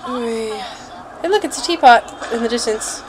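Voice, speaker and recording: A woman's voice: a little high, expressive, slow, slight background noise, poor audio. A woman giving casual, jokey let's play commentary, exclaiming and muttering to herself as she plays.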